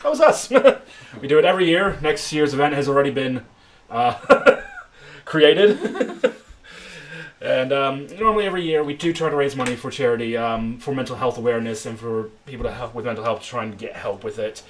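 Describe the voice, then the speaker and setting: Man, game master and host, chatty tone with frequent laughs, middle pitch. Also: lively intonation, normal speed, slight background noise. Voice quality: chatty, laughs between sentences. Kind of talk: hosting and narrating a tabletop game.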